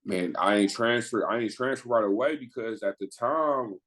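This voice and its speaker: A Midwestern American man in his twenties, a pro basketball player, tells his story as a podcast guest in a casual storytelling interview. His mid-range voice moves at normal speed, and the recording is low quality. He talks in a loose, slangy, animated way, acting out what people said.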